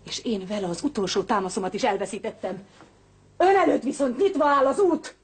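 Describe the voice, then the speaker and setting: A woman's voice: mid-range voice, fairly even intonation, darkish tone, lightly acted. An actress dubbing the dead man's sister in a film, a suspected woman speaking defiantly and with agitation. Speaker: dubbing actor. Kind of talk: dubbed film acting.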